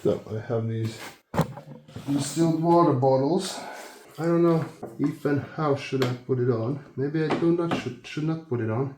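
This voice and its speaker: A man talking casually through a do-it-yourself car job. He is hesitant and self-deprecating and thinks aloud as he goes. The audio is a low-quality phone recording made without a microphone. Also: moderate pace. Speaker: car vlogger. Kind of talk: casual DIY walkthrough. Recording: echoey, noisy phone recording.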